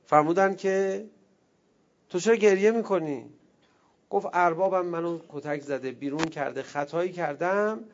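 A man giving a religious talk, telling a story with animated, emphatic delivery that swells to forceful peaks. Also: a little high. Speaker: preacher. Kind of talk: religious lecture. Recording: dull lo-fi sound.

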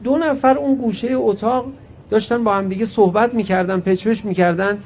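A man preaching a religious sermon, reciting Arabic hadith slowly and then explaining them conversationally to his audience. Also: high-pitched, a little hiss or hum. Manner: animated storyteller addressing the audience directly. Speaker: cleric preacher. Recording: muffled lo-fi recording.

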